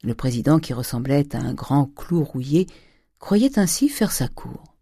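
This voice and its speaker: An audiobook reader giving a measured, steady narration of a classic novel. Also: mid-range voice, gravelly, slightly rough, dry recording, studio quality.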